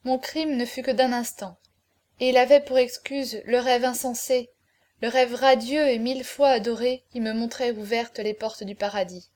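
Lady reading as a noble doomed hero guy, grave and solemn, slowish and low-key, audiobook. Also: fairly even intonation, darkish tone, lightly acted. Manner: solemn, measured farewell speeches. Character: noble condemned male hero, grave and tender.

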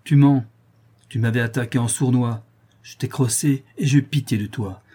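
A man playing a strong young man keeping his anger in check in a storybook reading. His warnings come firm and controlled, in a dark, husky tone. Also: medium pitch, moderate pace, lightly acted. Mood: stern anger.

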